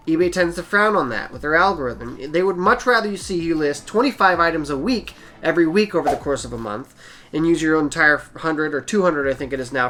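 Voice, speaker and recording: A man's voice: on the high side, a bit bright. Plain-spoken man giving seller tips. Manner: plain-spoken, practical, conversational. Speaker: channel host, eBay seller. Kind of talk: casual how-to talk to camera.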